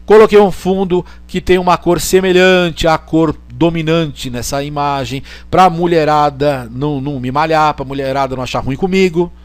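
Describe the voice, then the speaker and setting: A man's voice: fairly high pitch, normal speed, hardly any pauses, smooth, no echo. A man from Brazil giving a casual online lecture with a screen demo, chatty and joking, often checking in with the listener.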